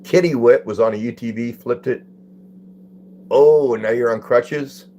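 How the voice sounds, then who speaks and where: An older man hosts a live stream in a folksy, casual way, reading comments and greeting viewers by name. His mid-range voice is mellow and measured, and the lo-fi recording carries a little hiss or hum.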